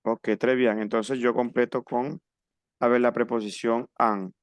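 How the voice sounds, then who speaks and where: Delivering online instruction, a French teacher patiently guides Spanish-speaking students and spells out how words are pronounced. He speaks at a measured pace in a mid-range voice with a flat delivery, and there is no echo.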